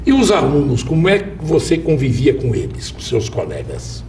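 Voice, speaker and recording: Lively-voiced male TV interviewer, distant mic. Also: mid-range voice, slight background noise. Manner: announcer-like, measured delivery. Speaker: interview host. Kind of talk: formal TV interview.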